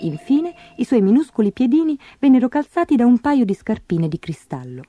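A woman storyteller reading a fairy tale aloud in a measured, expressive way. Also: a little high, dry recording, soft background music.

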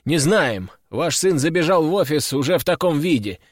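A man voicing a burly bodyguard thug who reports bluntly and flatly. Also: fairly high pitch, normal speed, dry recording, studio quality.

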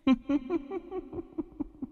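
A man's voice: high-pitched, wildly swooping pitch, slow, gravelly, big-room sound, dull audio, voice pushed up, heavily acted. A man voicing a vengeful, bloodied old female ghost in a horror story, eerie and menacing.

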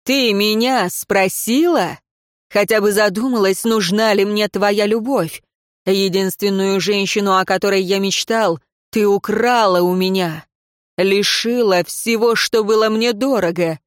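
A woman voicing a bitter imprisoned nobleman, speaking slowly and coldly with mockery. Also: mid-range voice, fairly even intonation, no echo, studio quality, lightly acted. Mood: furious. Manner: slow, cold, mocking.

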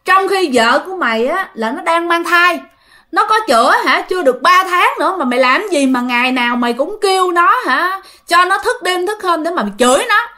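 A woman's voice: on the high side, expressive, fairly quick, sharp tone. A woman voicing an elderly mother who angrily scolds her grown son. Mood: scolding. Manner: scolding, exclaiming.

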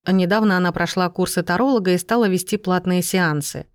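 A woman narrates a novel in a steady, measured reading. Her voice sits slightly low. The recording is dry and close, with no room sound. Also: no echo. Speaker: audiobook narrator. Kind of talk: scripted narration.

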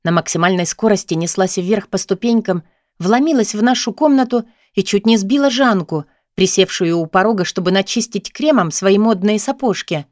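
A woman's voice: medium pitch, moderate pace, a little mellow, no echo, studio quality. Woman narrating in the first person. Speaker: audiobook narrator.

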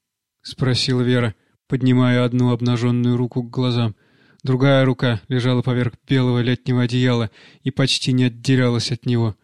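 Flat, measured male audiobook narrator. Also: mid-range voice, clear, resonant tone, no room sound, clean studio sound. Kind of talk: audiobook narration of a classic short story.

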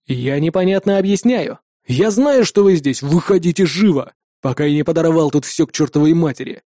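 A man's voice: on the high side, expressive, fairly quick, mellow, no room sound, clean studio sound, natural voice. A man voicing a cold, brash male officer who snaps threats and orders. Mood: threatening.

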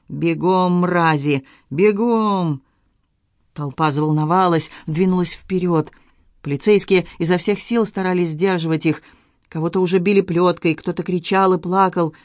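A woman's voice: on the low side, no echo. Woman reading an audiobook, dry studio sound. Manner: measured, expressive literary reading. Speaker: audiobook narrator. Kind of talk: scripted audiobook narration. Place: recording studio.

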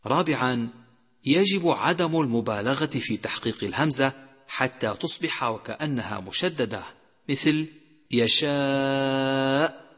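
A man teaching Quran recitation rules in a measured way, slowly drawing out each example word. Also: mid-range voice, lively intonation, fairly bright tone, slightly rough. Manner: measured, numbered points, slowly drawn-out example words. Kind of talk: instructional lesson. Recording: long hall reverb.

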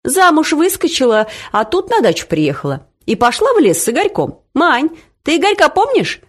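A woman reading aloud, voicing a chatty middle-aged mother who gossips in a high, excited voice. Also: moderate pace. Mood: gossiping.

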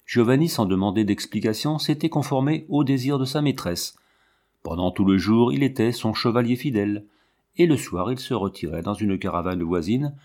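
A man reading a novel aloud as scripted narration, measured and expressive. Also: on the low side. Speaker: audiobook reader.

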